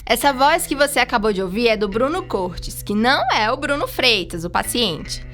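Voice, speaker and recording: A Brazilian woman with a fairly high voice narrates a journalism podcast from a script. She keeps it informal and conversational, with music playing behind her. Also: expressive, normal speed, a bit bright.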